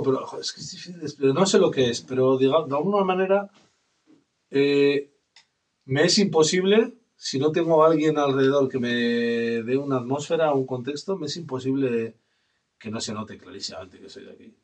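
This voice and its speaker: A man's voice: mid-range voice, brisk, far from the mic. A man from northern Spain with a Basque accent, hosting a community radio show and telling a rambling, self-deprecating story. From northern Spain, Basque region. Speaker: radio host. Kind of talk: casual radio chat.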